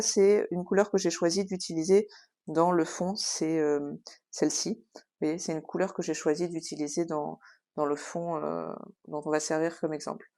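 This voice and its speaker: Here a lowish, warm-toned woman leads a relaxed craft tutorial. Her delivery is unhurried, conversational and instructive, often punctuated by pauses and filler noises.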